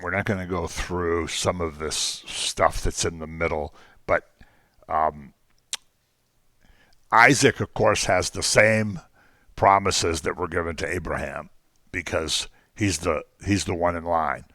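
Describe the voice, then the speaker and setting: A man's voice: deep voice, fairly even intonation, takes it slowly, bright, forceful tone, no echo, clean studio sound. A man teaching an informal Bible class, talking conversationally with frequent ums and jokey asides to the class.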